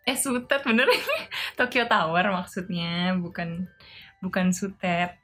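A woman's voice: lowish voice, takes it slowly, fairly bright tone, soft background music. A woman chatting casually on a live stream, playful and laughing often as she reads viewer comments aloud and tries simple Japanese phrases.

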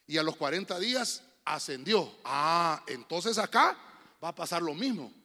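A Honduran man preaching a sermon as pastor of a church, building to sudden shouted bursts. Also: on the high side, very animated, unhurried. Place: church sanctuary. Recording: long reverb of a church hall.

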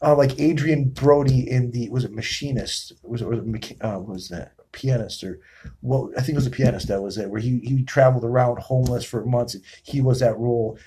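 A man's voice: medium pitch, steady tone, fairly quick, mellow, slightly rough, low-quality recording. A man hosting a podcast interview, enthusiastic, hyping up his guest. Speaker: podcast host.

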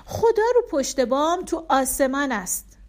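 A woman's voice: high voice, big pitch swings, voice pushed up. Casting: a woman doing a blunt caretaker man in a storybook, few words, plain answers. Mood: curt. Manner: short, plain replies.

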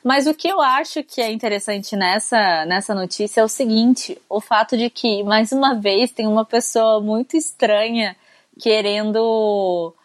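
A woman's voice: on the high side, unhurried, no echo. A Brazilian woman co-hosting a talk show, chatting in a casual conversational way with frequent tag questions, sounding sleepy. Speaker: co-host. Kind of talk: casual news commentary.

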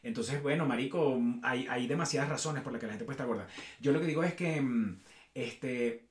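A man co-hosting a podcast in a relaxed, slangy way. His pitch is mid-range, and the room has an echo. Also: normal speed. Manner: relaxed, slangy, mimics voices. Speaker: podcast co-host. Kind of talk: casual chat. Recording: echoey room.

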